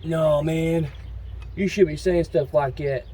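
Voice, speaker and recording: A man chatting casually while working on a truck outdoors, animated and full of slang. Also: fairly high pitch, slow, slight background noise. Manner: animated, slangy, says "man" and "bro" a lot. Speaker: vlogger working on his brother's truck.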